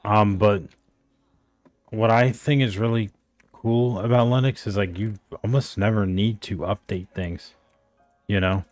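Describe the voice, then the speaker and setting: A man with a fairly low voice chats in a loose, rambling way as he plays a game and leans on "like" and "I think" all the time. He sounds unsure and hedges as he goes. Soft game music plays quietly behind him. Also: fairly even intonation, a little slow, no room sound. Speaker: gaming streamer. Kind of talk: casual chat while gaming.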